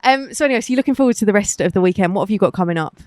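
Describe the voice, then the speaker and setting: Quick, teasing young female co-host. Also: mid-range voice, animated, no room sound. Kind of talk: casual chat.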